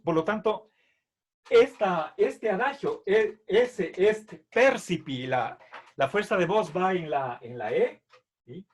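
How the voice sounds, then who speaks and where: Slow-talking, high-voiced male teacher. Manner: unhurried and explanatory, with frequent fillers and checks for understanding. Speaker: philosophy teacher. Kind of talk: online philosophy lecture.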